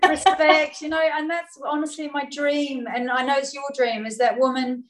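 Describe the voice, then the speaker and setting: A woman's voice: high-pitched, level tone, moderate pace, low-quality recording. A woman hosting a casual online chat, effusive and emotional, talking into her phone. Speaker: host.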